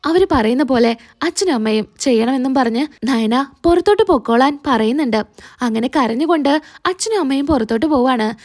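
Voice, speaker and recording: A woman's voice: high voice, lively intonation, darkish tone. A woman, retelling a serial's episode and voicing its lines in passing. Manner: quick retelling that voices quotes in passing. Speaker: serial recap narrator. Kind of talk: spoken story recap.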